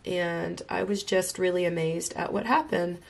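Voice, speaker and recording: Sitting at a home craft desk, a woman with a gravelly, lowish voice talks a little slowly with fairly even intonation. Despite slight congestion from being ill, she walks through a coloring tutorial with chatty enthusiasm while she draws.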